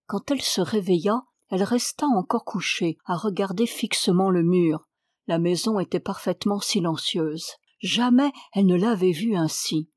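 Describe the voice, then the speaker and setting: A woman narrating a children's novel in a measured, expressive reading voice. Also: on the low side, dry recording, studio quality. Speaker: audiobook reader.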